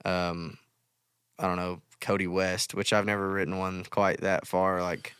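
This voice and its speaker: Low, clear-voiced musician. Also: male voice, little pitch movement, measured pace, fairly bright tone, no room sound, clean studio sound. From West Texas. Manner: thoughtful, explains with many "like"s. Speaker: guest musician. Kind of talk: casual interview chat.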